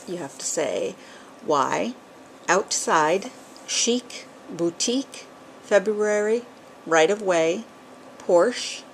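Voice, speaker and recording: A middle-aged New England woman, whose New England accent carries a bit of Southern drawl, chats casually at home into a camcorder's built-in mic, rambling with many ums and small laughs. Her mid-range voice has lively intonation and a gravelly quality, and she speaks very slowly on a rough recording with a slight hiss or hum.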